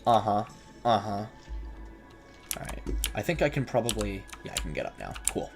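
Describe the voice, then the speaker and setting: A man's voice: lowish voice, big pitch swings, normal speed, music in the background. Nervous, joking man streaming a horror game. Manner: nervous about scares; jokey, talking back to game characters. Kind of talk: casual gameplay commentary of a horror game. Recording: clear background noise, keyboard clicks and typing.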